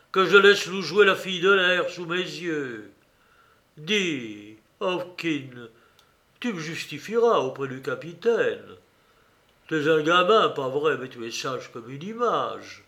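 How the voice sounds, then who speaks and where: A sly old peg-legged ship's cook, put on by a man reading the story aloud. He booms and blusters in loud, theatrical bursts, his voice sitting fairly high. A radio reading of an adventure tale. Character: gruff one-legged old male sea cook, cunning and blustering.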